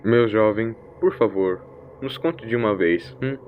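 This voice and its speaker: A man's voice: on the low side, expressive, unhurried, dull audio, a little hiss or hum. Man playing the Doctor, a grumpy old grandfather. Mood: reluctantly polite. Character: grumpy, dismissive old grandfather, learned alien traveller.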